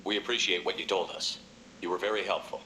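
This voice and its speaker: A man playing a direct, steady military commander in a video game, businesslike in manner. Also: low voice, fast talker, poor audio. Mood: reassuring, firm.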